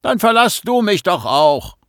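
A man's voice: high-pitched, big pitch swings, unhurried, dry recording, clean studio sound, pitched above the performer's own voice, heavily acted. A man reading an audiobook and voicing a brash, broad-shouldered teenage boy who talks in a hasty, snapping way. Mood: defiant.

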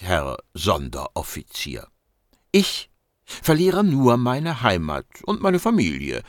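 A man's voice: on the low side, no room sound, clean studio sound, full character voice. A man reading an audiobook and voicing a desperate female secret agent, insistent and ironic. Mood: bitter.

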